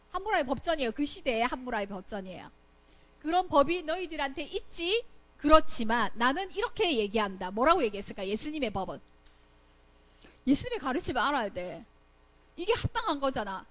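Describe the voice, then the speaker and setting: A woman teaching children a Bible lesson in a church Sunday school room. She keeps quizzing the children and acts out her examples with sudden loud bursts. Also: sits high. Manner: playful, quizzing the children with questions.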